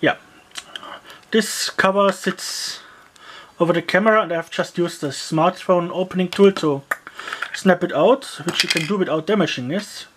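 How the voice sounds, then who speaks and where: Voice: mid-range voice, normal speed, a bit bright, slight background noise. A person taking apart and reviewing a cheap gadget in casual, rambling commentary, full of fillers and grumbling asides. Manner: frequent fillers like yeah and uh. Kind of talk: casual product teardown commentary.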